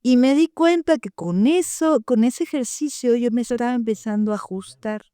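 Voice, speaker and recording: A middle-aged woman tells stories in a casual way. Her voice is warm and mellow, and she acts out the lines she quotes. The recording is dry and close. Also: a little high, moderate pace, no room sound. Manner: animated, acts out quoted dialogue. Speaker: therapist guest. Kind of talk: casual storytelling.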